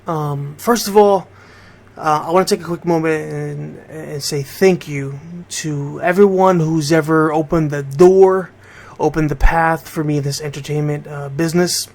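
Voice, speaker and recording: Unhurried and steady, with vocal fry in a slightly high voice, a middle-aged American radio host and DJ from Bridgeport, Connecticut chats with listeners directly. The style is informal and conversational.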